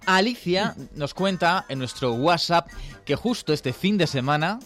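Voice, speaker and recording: A man's voice: a little high, lively intonation, measured pace, fairly bright tone, faint music behind. Easygoing man reading listener messages. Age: 40s. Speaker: radio co-host. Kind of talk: casual radio chat, reading listener messages.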